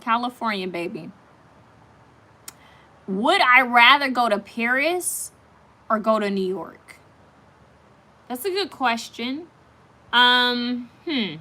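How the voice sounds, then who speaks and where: A woman in her thirties hosts a casual livestream, talking straight to her viewers and answering their comments as they come in. Her voice is bright and fairly high, and she restarts her sentences as she goes. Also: expressive, takes it slowly, pauses often. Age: 30s. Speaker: livestream host reading oracle cards.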